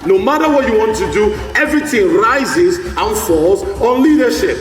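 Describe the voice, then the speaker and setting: In a large hall at a live forum, a man delivers a rousing, exhorting speech, repeating lines and calling out to the crowd. His high-pitched voice has lively intonation and a moderate pace. The echoey recording catches him from a distance, with soft background music.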